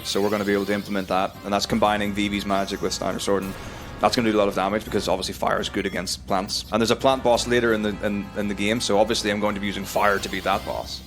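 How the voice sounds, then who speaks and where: A man's voice: fairly low pitch, fairly bright tone. A man with a Northern Irish accent giving live speedrun commentary, rambling through explanations with frequent restarts. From Northern Ireland.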